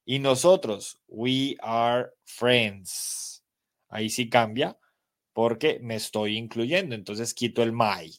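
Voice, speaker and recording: Slow, patient male English teacher. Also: mid-range voice. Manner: slow, patient explanations mixing Spanish and English. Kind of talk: live online English class.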